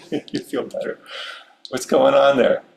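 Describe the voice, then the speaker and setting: A middle-aged man from Maryland speaking as a Zen priest, giving a relaxed, unhurried Dharma talk with many fillers and soft chuckles. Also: mid-range voice, vocal fry. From Maryland, USA. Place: meditation hall. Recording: roomy hall with faint hum.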